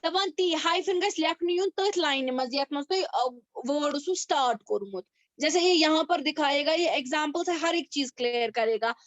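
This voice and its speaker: A woman teacher giving an English grammar lesson over a video call, explaining slowly and mixing English terms into her speech. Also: high-pitched, expressive, no room sound. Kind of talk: online class lesson. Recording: dull, dry video-call audio.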